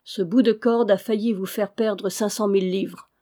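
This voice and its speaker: A woman's voice: mid-range voice, fairly even intonation, moderate pace, dark tone, close to an everyday voice. A woman voicing an old man who speaks in a firm, commanding tone, in an audiobook reading. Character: frightened old man regaining his nerve.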